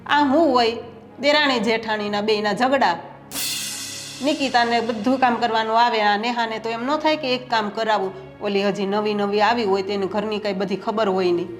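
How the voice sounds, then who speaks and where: A woman's voice: a little high, moderate pace, lightly acted. Woman playing a middle-aged mother-in-law, soothing and reasoning, echoey room, faint music. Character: mother-in-law, weary peacekeeper between daughters-in-law. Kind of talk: family drama acting.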